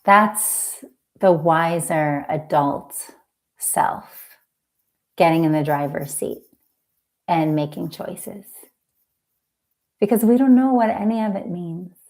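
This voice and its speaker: A woman hosting a live healing talk, speaking gently and reflectively with drawn-out words. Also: fairly low pitch. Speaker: emotional healing coach and host.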